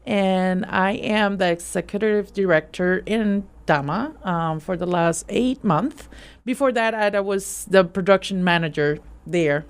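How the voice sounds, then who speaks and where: A Venezuelan woman, a nonprofit art director, is a guest in a casual interview. Her mid-range voice is smooth and a little slow, and she speaks hesitantly, searching for words and often restarting her sentences.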